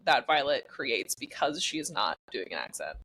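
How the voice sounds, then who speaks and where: A woman's voice: extremely low pitch, sing-song, normal speed, fairly bright tone, breathy edge. A woman being interviewed about her podcast acting, talking in a rambling, self-deprecating way full of "like". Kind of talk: casual interview chat.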